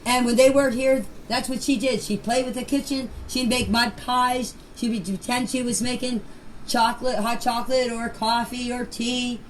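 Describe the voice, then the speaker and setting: An older woman recounts her memories informally in a plain-spoken, folksy manner, often repeating herself. Her voice is fairly high, steady in tone, and moderately paced. The amateur clip is low quality, with clear background noise.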